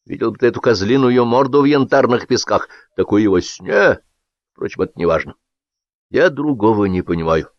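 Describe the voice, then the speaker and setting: A man's voice: lowish voice, lively intonation, normal speed, dry recording. A man voicing a stern, condescending male newspaper boss in an audiobook, with a dull lo-fi sound. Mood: lecturing. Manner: authoritative, condescending.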